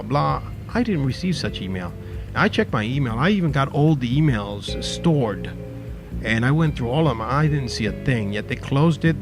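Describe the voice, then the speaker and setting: Clear music plays behind a man with a mid-pitched voice. He hosts informally, delivering a rambling, opinionated monologue. His delivery is halting, with certain words stressed emphatically. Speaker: host of a local online show.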